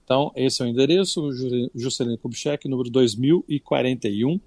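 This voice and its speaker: With a mid-range voice and a fairly quick pace, this older Brazilian culture critic speaks on a radio segment with no room sound. He's laid-back and chatty in Brazilian Portuguese, restarting often.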